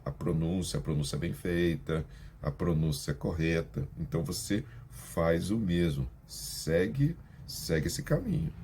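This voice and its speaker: A Portuguese-speaking man teaching Spanish pronunciation by reading scripture aloud, stressing each sound and repeating words slowly to drill them. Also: low-pitched, vocal fry, warm tone, a little hiss or hum.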